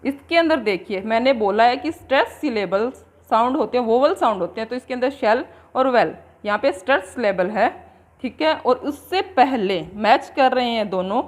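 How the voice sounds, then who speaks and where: Indian lady teacher, kinda high voice, reads out definitions word by word then explains. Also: animated. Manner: explains in Hindi mixed with English, slowly dictating definitions word by word. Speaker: English exam coaching teacher. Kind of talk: classroom lecture.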